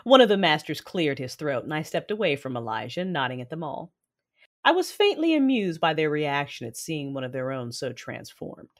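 A woman with a low voice and big pitch swings plays a proud, defiant Sith lord telling her own tale in a sci-fi audio drama. The narration is intense and deliberate, yet cool and wry in mood.

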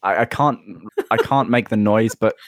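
A British man with a low voice chatting on a voice call, trading dry jokes. The sound is close and dead, with no room in it. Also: normal speed, no room sound. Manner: dry, jokey. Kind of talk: casual chat.

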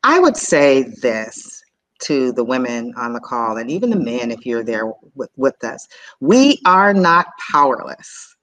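A woman's voice: very deep voice, big pitch swings, a little slow, a bit bright. A woman guest on an online program, giving an emphatic, rallying motivational talk. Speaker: guest speaker.

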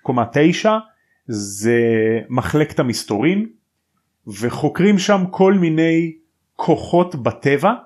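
A man's voice: on the high side, animated. A man hosting a podcast, casually retelling and explaining a story in a chatty, slangy way. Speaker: podcast host.

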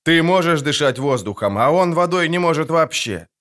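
A man reading an audiobook, voicing a stern, weary male witcher who speaks calmly and tersely. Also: on the high side, moderate pace, pitched above the performer's own voice. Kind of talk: audiobook character voice.

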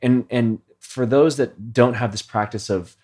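A man's voice: medium pitch, measured pace, darkish tone, slightly rough. A man hosting a podcast as a coach, talking earnestly and reflectively about his own experiences in a heartfelt conversation.

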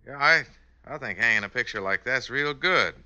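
A man's voice: mid-range voice, animated, moderate pace, sharp tone, dull audio. An actor in an old-time radio drama playing a sly, agreeable American outlaw henchman with a folksy drawl. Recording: old radio recording with hiss, clicks.

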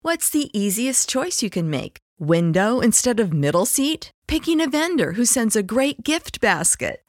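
A woman's voice: mid-range voice, no echo, studio quality. A woman announcer giving a playful, punchy commercial read.

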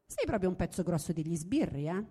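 A woman's voice: fairly low pitch, sing-song, brisk, warm tone, breathy edge. A woman reading as Selva, a brash street-smart prostitute. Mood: brazen. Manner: cheeky, provocative. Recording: reverberant room.

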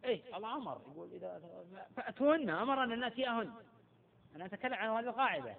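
High-voiced sheikh lecturing over a tinny line. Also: male voice, expressive, very fast, vocal fry. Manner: quizzes students and repeats key points. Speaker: sheikh teaching Islamic jurisprudence. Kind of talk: classroom lecture with questions to students. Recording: tinny phone-like lecture recording.

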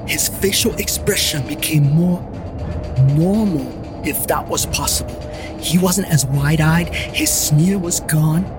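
A man's voice: a little high, takes it slowly. A man narrating a paranormal detective story in the first person, with a wry, joking delivery over background music.

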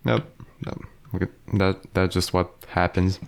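Young man, Croatian accent, deep-pitched, blunt bro slang, casual podcast chat. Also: fairly even intonation, a little slow, vocal fry. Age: teenager or young adult. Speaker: podcast co-host.

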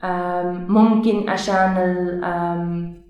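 A young woman with a non-native Levantine Arabic accent, giving interview answers haltingly, searching for words and correcting herself. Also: on the low side, fairly even intonation, darkish tone, lo-fi sound. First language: not Arabic, speaks it as a learner. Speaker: researcher being interviewed. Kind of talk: conversational interview answers in a learned language. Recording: very echoey, reverberant room.

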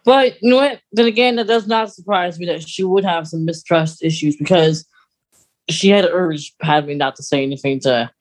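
A woman with a voice on the low side talks at a moderate pace while co-hosting a casual fan podcast. Her explanations are chatty and hedged, and she keeps tucking in side remarks and added details.

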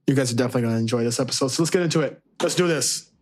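A man's voice: medium pitch, rapid-fire. A man co-hosting a podcast with casual banter, informal, often repeating short phrases for emphasis. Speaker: podcast co-host. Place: holiday rental, remote call.

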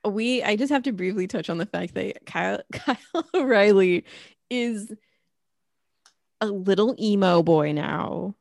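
A relaxed woman co-host in casual chat, wry and teasing. The sound is dry and close, with no room around it. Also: mid-range voice, a little slow, vocal fry, no room sound. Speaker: podcast co-host.

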